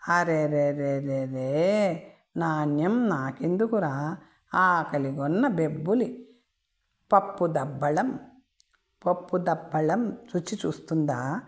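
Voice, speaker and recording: A woman doing a raving, taunting madman. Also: lowish voice. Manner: rambles in proverbs, taunts, sings lullabies. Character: raving mad man, defiant and mocking.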